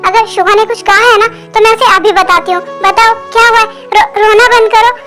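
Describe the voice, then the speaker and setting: A woman's voice: very high voice, fairly even intonation, a little fast, music in the background. A woman voicing a caring mother comforting her daughter-in-law in a Hindi fan dub, soothing and reassuring.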